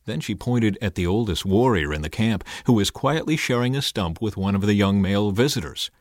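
A man narrating a first-person memoir audiobook in a measured, earnest manner. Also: lowish voice, expressive, no echo, clean studio sound.

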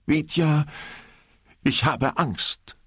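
A man's voice: a little high, very animated, takes it slowly, a bit bright, husky, dry recording, studio quality, voice pushed up, exaggerated voice. A man voicing a nervous but teasing young woman in an audiobook. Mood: scared. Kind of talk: audiobook dialogue.

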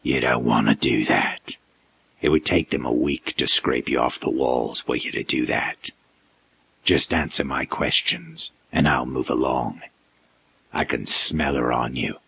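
A man voicing a towering, inhuman male creature who threatens slowly in a low, dark voice. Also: steady tone, creaky, breathy edge, heavily acted. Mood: menacing. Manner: slow, low, threatening growl. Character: towering male monster, menacing interrogator.

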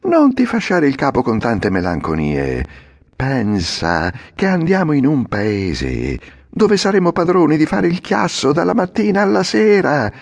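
A man's voice: on the high side, a little slow, pitched above the performer's own voice, heavily acted. A man voicing a carefree, troublemaking boy who coaxes his friend along, in a storybook reading. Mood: coaxing. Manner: coaxing, lively.

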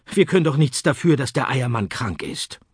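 A man's voice: mid-range voice, lively intonation, moderate pace, slightly rough, no room sound, clean studio sound, pitched above the performer's own voice. A male narrator voicing an earnest, anxious little boy in a children's audiobook. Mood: pleading.

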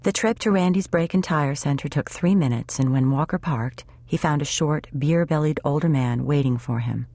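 A woman narrating a romance audiobook in an even, measured way. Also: deep voice, no room sound.

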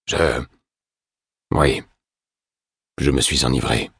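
Burick, a man voicing a hoarse, grieving older man. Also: fairly even intonation, fairly bright tone, no room sound, clean studio sound, exaggerated voice. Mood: weary, grieving. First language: French. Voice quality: hoarse, heavy-hearted. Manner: slow, low, murmured. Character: weary grieving older man, gruff stable master.

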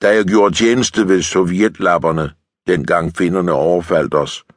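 A man's voice: deep voice, fairly even intonation, no room sound, studio quality, close to an everyday voice. A male audiobook narrator playing a bitter, coarse tank lieutenant who swears and talks bluntly.

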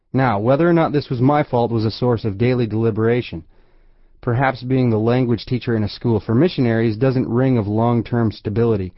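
A man narrates a first-person audiobook in a wry, measured way, his voice sitting in an ordinary middle register. The recording is close and dry, with a slightly dull, muffled top end. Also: medium pitch, no echo.

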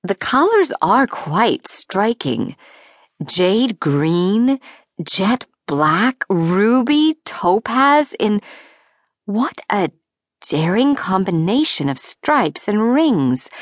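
Composed, artsy mom, soft and low; a woman doing the voice, dry close sound. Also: big pitch swings, no echo. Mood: calm. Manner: soft, measured, connoisseur's tone. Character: calm unflappable artist mother, low and composed.

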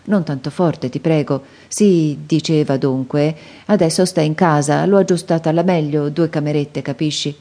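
A woman's voice: low-pitched, normal speed, few pauses, mellow. A woman doing a hesitant, kindly father. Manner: hesitant, apologetic. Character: kindly, weak, embarrassed middle-aged father. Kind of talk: audiobook character reading.

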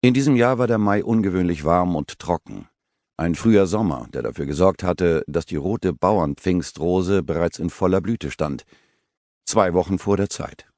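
Deep gravelly German audiobook narrator. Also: male voice, moderate pace, a little mellow, no room sound. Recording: dry studio recording.

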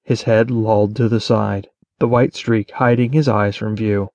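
A man's voice: lowish voice, fairly even intonation, measured pace, a little mellow, dry recording, muffled recording. Male audiobook narrator, dry sound. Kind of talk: scripted narration.

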